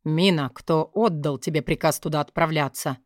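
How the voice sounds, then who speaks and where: A tired, stern young king speaks in a low, clipped voice, pressing short questions and orders. A woman narrator puts him on, dropping her voice. The recording is close and dry, with no room sound. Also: moderate pace, dry recording, close to an everyday voice.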